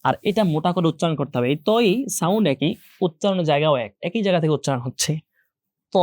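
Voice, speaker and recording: A man's voice: a little high, a little mellow, dry recording. A young man teaching an online Quran class, who patiently repeats each letter sound again and again for his students. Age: young adult.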